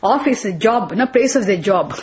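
A woman's voice: a little high, lively intonation, moderate pace, darkish tone, a little hiss or hum. A woman with a Tamil accent teaching a spiritual lecture in a didactic way, often checking with short questions that listeners follow. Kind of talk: Vedanta lecture, explanatory teaching.

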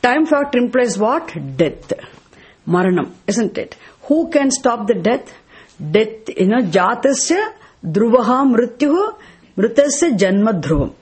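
A woman's voice: fairly high pitch, very animated, measured pace, a little mellow, breathy edge. A woman with a Tamil accent teaching scripture verse by verse, repeating key phrases emphatically and checking with tag questions. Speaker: teacher of Sanskrit and Vedanta scripture. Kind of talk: teaching class, verse-by-verse explanation.

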